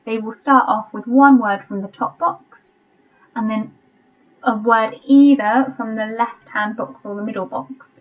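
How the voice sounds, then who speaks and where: A woman with an English accent, a French teacher narrating a recorded remote lesson and reading dictation slowly and deliberately. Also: fairly high pitch, highs cut off. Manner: slow, deliberate dictation with clear repetition.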